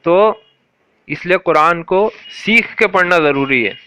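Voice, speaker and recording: A man teaching correct Quran pronunciation, patiently repeating words slowly and quizzing a listener. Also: high-pitched, expressive, sharp tone, clean tone, no room sound.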